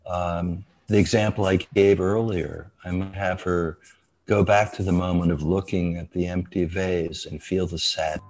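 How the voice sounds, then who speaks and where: A man speaks as a guest on a radio interview in a very deep voice. His tone is dark and mellow. He explains step by step in a measured way and lets his phrases fade out softly. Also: fairly even intonation. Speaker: guest expert on dreams.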